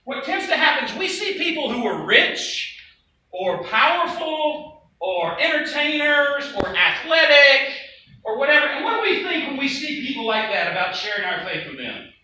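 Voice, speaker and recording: A man's voice: very high-pitched, big pitch swings, moderate pace, pushed and bright. A man preaching a sermon to a congregation, talking conversationally with rhetorical questions and casual asides. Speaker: pastor. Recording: echoey room, distant mic, faint noise.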